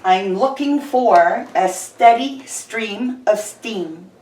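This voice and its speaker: A woman's voice: a little high, drawn-out words, a little mellow, echoey room, low-quality recording. A middle-aged woman chatting instructively and folksily as she cooks in a home kitchen, with machine noise behind her. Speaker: host of a home canning video. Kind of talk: casual instructional chat while cooking. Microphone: camera a short distance away. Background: kitchen appliance machine noise.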